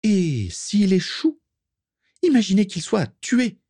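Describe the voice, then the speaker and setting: A man reading aloud and voicing a shrill, nagging noblewoman with a high-pitched voice. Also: sing-song, takes it slowly, warm tone, slightly rough, heavily acted. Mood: indignant. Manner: scolding, indignant.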